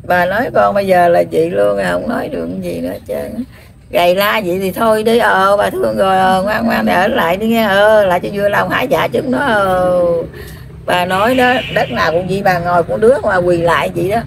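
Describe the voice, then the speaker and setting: A woman with a Southern Vietnamese accent, speaking in trance as a grandmother spirit in a scolding, rambling, repetitive way full of drawn-out fillers. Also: medium pitch, fairly even intonation, gravelly, background noise. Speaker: spirit medium.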